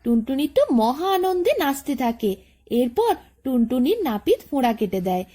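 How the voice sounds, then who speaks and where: A woman narrating a children's bedtime folk tale in an expressive, singsong storytelling way. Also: sits high, normal speed.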